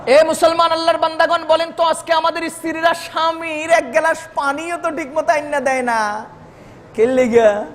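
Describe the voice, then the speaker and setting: A man's voice: very high voice, flat delivery, brisk, fairly bright tone, big-room sound. A man preaching a sermon, often putting questions to the crowd and acting out quoted exchanges. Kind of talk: Bengali waz sermon.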